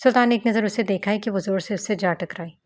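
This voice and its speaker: A woman narrating an audiobook of a romance novel in a steady storytelling manner. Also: medium pitch, quick pace.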